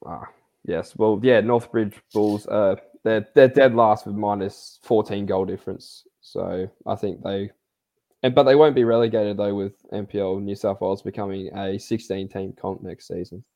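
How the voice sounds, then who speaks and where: A man's voice: on the low side, fairly even intonation, moderate pace, dark tone. A man co-hosting a casual sports podcast, explaining things in a hesitant way that trails off. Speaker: podcast co-host.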